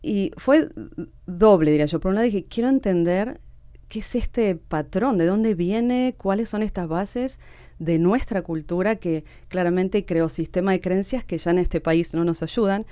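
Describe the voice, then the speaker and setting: Argentine woman, warm smooth voice. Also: lowish voice, measured pace, dry recording. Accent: Argentine Spanish. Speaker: guest author. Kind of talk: reflective interview talk.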